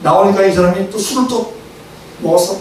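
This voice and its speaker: Middle-aged male preacher, high voice, lively storyteller who bursts into shouts, recorded far off in a reverberant hall. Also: a little fast. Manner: animated storytelling, acts out quarrels with sudden shouts. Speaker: seminary professor preaching. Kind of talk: sermon with acted anecdotes. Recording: echoey hall, far from the mic, faint noise.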